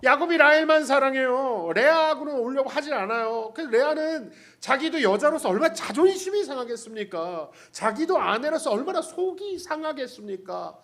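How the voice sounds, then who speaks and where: A pastor's sermon delivered by a man with a high, very animated voice that swings widely in pitch. He tells the story playfully, voices the characters' lines himself, and keeps turning to the congregation. He is speaking inside a church. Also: normal speed, hardly any pauses. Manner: humorous, addressing the congregation directly. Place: church sanctuary.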